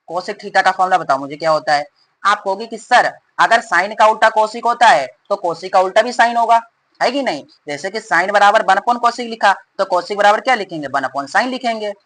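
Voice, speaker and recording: A male math teacher explaining formulas in a rapid, repetitive way and calling his students "beta". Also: high-pitched, lively intonation, fairly bright tone, rough recording. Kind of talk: fast classroom explanation.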